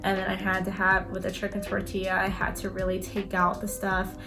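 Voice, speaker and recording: A woman's voice: medium pitch, completely flat delivery, a little fast. Casual woman vlogger over background music. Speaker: vlogger, dental assistant. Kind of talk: casual chatty advice vlog. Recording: music playing behind the voice. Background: clear background music.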